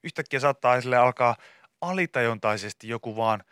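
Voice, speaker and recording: A man's voice: mid-range voice, a bit bright, clean tone, dry recording, studio quality. A man hosting a morning radio show, chatting casually and telling rambling stories. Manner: rambling storyteller, laughs while talking. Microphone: studio microphone.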